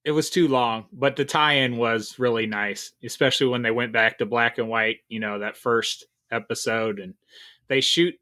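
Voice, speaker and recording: A man with a bright, mid-pitched voice chatting on a podcast. He talks eagerly, gushing about scenes he liked and laughing easily. The tone is relaxed talk among friends. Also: moderate pace. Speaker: podcast co-host. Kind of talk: casual chat.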